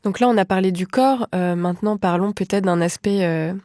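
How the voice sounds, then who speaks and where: A woman hosting a podcast, asking a guest measured questions. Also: mid-range voice, warm tone, no room sound, studio quality. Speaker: podcast host.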